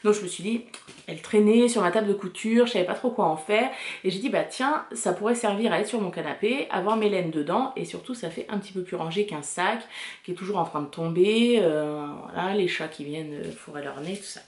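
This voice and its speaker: A woman's voice: medium pitch, fairly quick, darkish tone. Chatty woman in an echoey room. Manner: chatty, rambling, many fillers and restarts. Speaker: knitting podcast host. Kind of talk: casual chat to camera.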